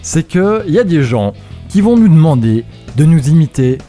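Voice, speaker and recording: A man's voice: fairly high pitch, very animated, moderate pace, dark tone, faint music behind. Playful vlogger man. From Switzerland. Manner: playful, mock-solemn. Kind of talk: comedic vlog monologue.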